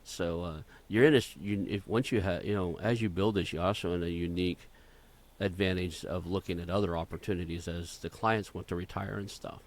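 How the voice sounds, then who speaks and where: Fifties male host, very low voice, halting questions. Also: steady tone. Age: 50s. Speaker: podcast host. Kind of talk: podcast interview.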